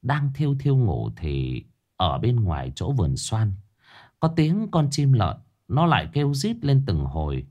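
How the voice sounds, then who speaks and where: Lively man telling a horror story. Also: medium pitch, measured pace. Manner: vivid, dramatic.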